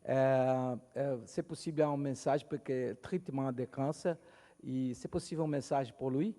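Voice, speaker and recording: A man's voice: medium pitch, fairly even intonation, normal speed, mellow. A man with a Brazilian accent in French asks a press question in a hesitant, non-native way. His voice is on the darker side, and the hall rings around it. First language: Portuguese. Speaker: journalist at a press conference. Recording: echoey hall, distant questioner microphone.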